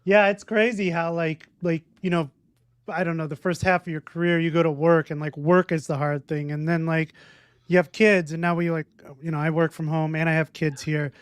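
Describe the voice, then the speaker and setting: A man hosting a podcast from home, chatting in a relaxed way and laughing easily. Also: a little high, normal speed, smooth, no room sound. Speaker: podcast host. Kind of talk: casual podcast conversation.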